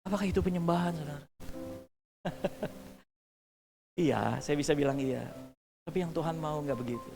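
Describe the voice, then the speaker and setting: A man preaches in a fairly high voice, and his sermon carries a long church reverb. He is animated and acts out hurried family moments. He gets the congregation to repeat phrases back to him. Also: vocal fry, faint music behind. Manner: calls the congregation to repeat words. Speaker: pastor. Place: church hall.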